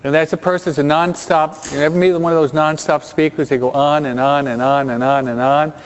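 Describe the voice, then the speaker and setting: Preacher in a reverberant hall. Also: male voice, a little high, fairly even intonation, brisk, smooth. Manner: conversational, keeps checking in with the listeners; drops Spanish words into his English. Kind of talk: sermon. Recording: dull sound with long hall reverb.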